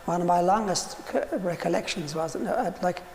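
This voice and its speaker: A man reminiscing informally in an interview, halting and repeating his words. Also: high-pitched, a little mellow. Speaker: musician interviewee. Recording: noisy, reverberant room.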